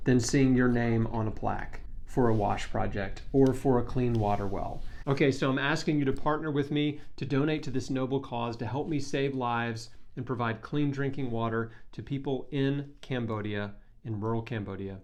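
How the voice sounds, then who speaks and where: A man vlogs a charity appeal, talking casually to camera in an informal, enthusiastic and earnest fundraising pitch. His voice is medium-pitched and a little mellow, at a moderate pace.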